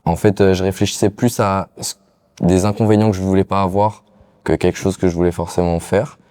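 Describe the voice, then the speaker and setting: A young man from Paris talks about his work as a carpenter in a relaxed, halting way, filling the pauses with little fillers. His voice sits very low and sounds mellow, with a smooth, resonant tone. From Paris, France. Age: young adult. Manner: hesitant, many fillers. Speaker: carpenter guest. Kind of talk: casual interview answers.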